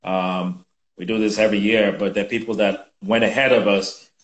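Man in his fifties, from Nigeria, low voice, measured and reflective, echoey room on a video call. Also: steady tone, highs cut off. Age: 50s. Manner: measured, reflective, with frequent fillers. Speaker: guest. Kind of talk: conversational interview. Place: home room with bookshelves.

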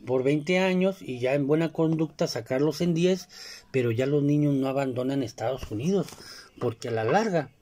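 A man's voice: on the high side, normal speed, mellow. A man with a Mexican Spanish accent, talking casually in a rambling monologue full of fillers and asides. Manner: rambling, filler-heavy, keeps asking "you know?". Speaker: commentator.

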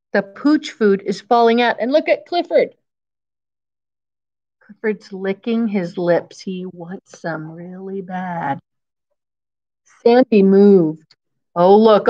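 This lo-fi clip captures a slightly high female voice. She's in her fifties and sits indoors in a school classroom, reading a picture book aloud to little kids, with teacherly repetition of important phrases and easy explanations along the way.

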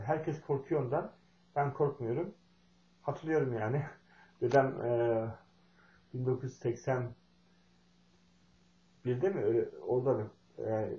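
A middle-aged man from Turkey telling a folksy, meandering family story with pauses and fillers. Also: mid-range voice, darkish tone, reverberant, highs cut off. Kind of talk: spoken talk with personal storytelling.

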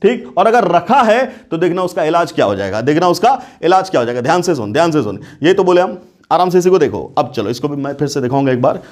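A man with a high-pitched voice teaches chemistry to a class. He repeats his questions and keeps asking whether the students are clear. He talks in a casual, familiar way, calling them "beta". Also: sing-song, quick pace, a little mellow. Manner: repeats questions, checks understanding often. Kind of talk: classroom lecture.

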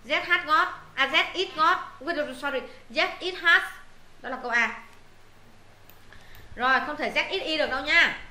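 A woman's voice: high-pitched, moderate pace, pauses often, sharp tone, echoey room. A woman English teacher, walking students through exam answers, repeating words and checking they follow. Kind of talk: exam answer walkthrough lesson.

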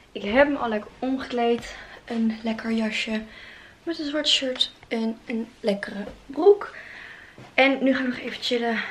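A young woman chatting casually in a vlog from her bedroom, gushing and excited, talking to a handheld camera. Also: a little high, vocal fry, slight background noise. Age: young adult. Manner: excitable, gushing, exclaims often. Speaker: vlogger. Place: bedroom at home. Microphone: handheld camera at arm's length.

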